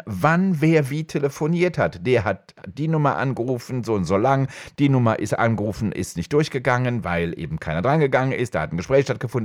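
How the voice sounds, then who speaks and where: A middle-aged man hosting a podcast, telling stories in a casual chat and jumping high in pitch when he quotes people. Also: no room sound, clean studio sound. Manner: animated, jumps high when quoting others. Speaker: podcast host. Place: home studio.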